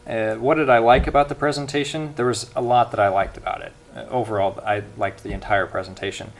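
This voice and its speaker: A man's voice: mid-range voice, fairly even intonation, fast. A young man giving an earnest speech evaluation at a club meeting, with frequent restarts.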